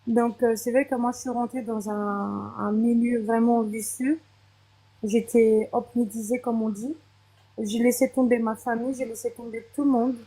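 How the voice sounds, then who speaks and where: Halting higher-voiced woman with foreign-accented French. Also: flat delivery, warm tone, slightly rough, low-quality recording. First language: not French. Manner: hesitant, halting, searching for words. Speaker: guest giving a personal testimony. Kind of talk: unscripted personal testimony.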